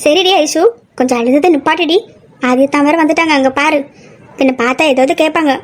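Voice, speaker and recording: A bossy, caring young woman, voiced by a woman, scolds her friend and fusses over others in a homemade audio drama. She talks fast and in a high voice. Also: natural voice. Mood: scolding. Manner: scolding, fussing.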